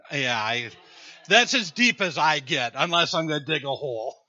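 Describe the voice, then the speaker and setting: A man preaching in an easy, conversational way, reading verses and teasing the congregation. His voice is bright and a touch high. The recording is dull and lo-fi. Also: big pitch swings, moderate pace. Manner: conversational preaching, reads scripture aloud, jokes with the congregation. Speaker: pastor. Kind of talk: sermon.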